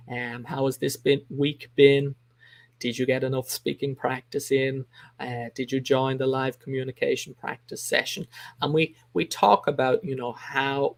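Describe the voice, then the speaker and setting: In an informal live lesson for English learners, a man with a creaky, medium-pitched voice explains things emphatically and repeats his main points. He also answers comments, and the recording has no room sound.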